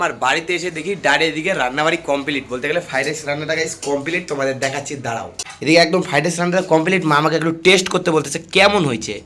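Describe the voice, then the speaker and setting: A young man chatting to viewers while filming a casual phone vlog at home and on local roads, slightly hoarse. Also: a little high, sharp tone, a little hiss or hum. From India. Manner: chatty, addresses viewers as "guys". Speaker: vlogger.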